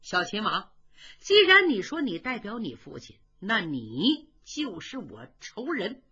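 A woman storyteller voicing a proud, stubborn captive male general who shouts his defiance, on a dull lo-fi recording. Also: mid-range voice, huge pitch swings, a little slow, husky, heavily acted. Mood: defiant, furious. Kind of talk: traditional storytelling.

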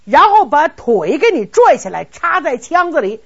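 A woman's voice: sits high, very animated, normal speed, pitched above the performer's own voice. Woman doing hot-tempered brash young nobleman. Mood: blustering. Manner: blunt, threatening, bossy. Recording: dull lo-fi recording.

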